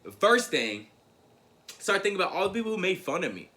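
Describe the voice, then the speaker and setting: Young guy giving a motivational talk, bright forceful voice, keeps saying guys, trips over his words. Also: high voice, fast talker. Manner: animated storyteller who repeats words and addresses the audience as guys. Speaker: motivational speaker. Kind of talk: motivational speech, personal storytelling.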